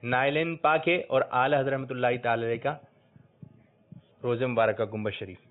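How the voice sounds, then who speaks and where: A man's voice: mid-range voice, fairly even intonation. Man hosting a quiz, tinny lo-fi sound. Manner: coaxing, prompts answers, bursts out praising correct ones. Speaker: quiz host for children. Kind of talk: religious children's quiz show hosting.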